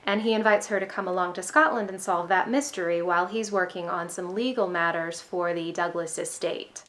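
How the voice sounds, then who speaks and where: A young woman giving an upbeat, scripted review of a mystery novel. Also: medium pitch. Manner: upbeat, enthusiastic. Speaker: book reviewer.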